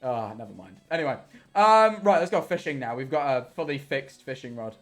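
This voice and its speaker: Here a young man speaks at medium pitch, animated and a bit fast, as he plays a game on stream. His casual livestream talk wanders, with frequent self-corrections and plenty of cursing.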